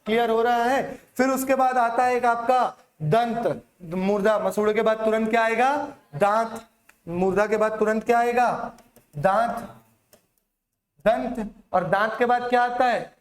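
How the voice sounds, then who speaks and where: A man's voice: very high voice, fairly even intonation, moderate pace, echoey room. A male Hindi teacher giving an exam-prep lecture, drilling students by asking questions and answering them himself.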